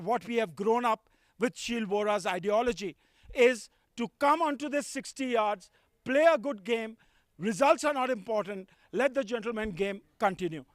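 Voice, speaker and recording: A middle-aged man with an Indian accent and a very high-pitched voice delivers a ceremonial speech of thanks. His manner is effusive and formal, and the sound is dry, with little echo. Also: a little slow. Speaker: school official giving a thank-you speech. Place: outdoor school playing field.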